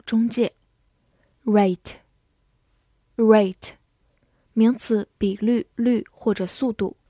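Slow, mellow woman teaching vocabulary. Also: mid-range voice, husky, no echo, studio quality. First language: Chinese. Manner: says each English word twice slowly, then gives Chinese meanings. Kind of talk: scripted vocabulary lesson.

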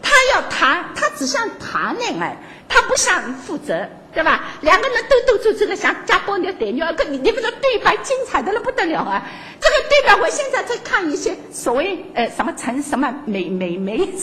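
An older woman giving a lively talk to an audience, laughing often and stumbling through fillers and restarts. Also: extremely high pitch, fairly quick, hardly any pauses.

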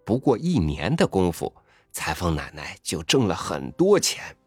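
A man reading a story aloud in a soft, intimate, expressive way, sometimes dropping to a hush. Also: low voice, measured pace, husky, dry recording, faint music behind.

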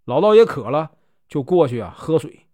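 A man from Northeast China telling a folk tale as a casual storyteller, lively and animated. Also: a little high, normal speed, dry recording, clean studio sound.

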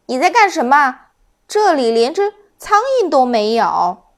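A woman's voice: high voice, sing-song, a little slow, full character voice. A woman voicing a young onion boy prisoner, speaking in a raised, childlike, eager voice. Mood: surprised.

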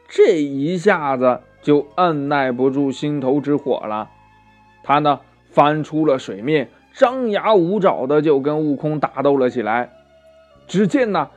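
Male storyteller, children's story narration, expressive, slightly high voice, very slow pace, soft music behind. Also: dull audio. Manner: lively, expressive storytelling with drawn-out phrases.

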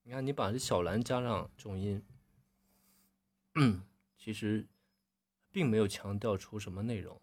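Male voice coach, low and husky, keeps clearing his throat while giving live-stream critiques. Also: measured pace, pauses often. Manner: frequent throat clearing, relaxed corrective tone.

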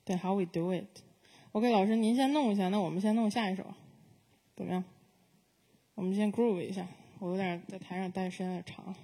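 A woman singer chatting casually from the stage of a live music venue between songs, relaxed and quick to laugh. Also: medium pitch. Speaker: singer performing a live show.

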